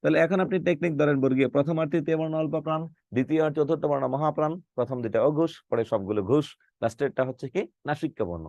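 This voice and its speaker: A man's voice: fairly high pitch, rapid-fire, a little mellow, no room sound. A middle-aged man, a teacher, giving an online lecture on Bengali phonetics, saying letters aloud and putting questions to his students. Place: online class, live with students.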